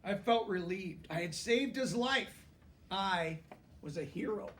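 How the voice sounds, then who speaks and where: A man reading a children's book aloud in an expressive way, pausing for emphasis. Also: high voice, distant mic, slight background noise. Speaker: storybook reader. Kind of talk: children's book read-aloud with brief asides.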